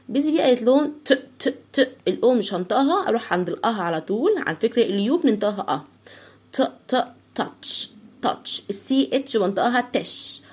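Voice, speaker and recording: A woman's voice: mid-range voice, darkish tone. Egyptian woman teaching, spelling out sounds. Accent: Egyptian Arabic. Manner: sounds words out slowly, repeating syllables. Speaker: English teacher. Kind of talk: kindergarten English lesson.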